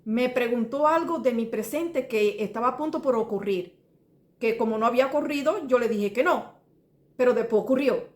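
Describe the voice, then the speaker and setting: A woman's voice: fairly high pitch, normal speed. Earnest Cuban woman testifying, roomy sound. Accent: Cuban Spanish. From Cuba. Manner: earnest, rambling, restarts and repeats details, addresses listener as brother. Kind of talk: personal testimony. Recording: roomy echo.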